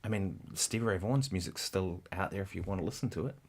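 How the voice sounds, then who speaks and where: A man hosting a casual guitar livestream, rambling in a halting way with many restarts and sometimes counting rhythms aloud. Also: low voice, slightly rough.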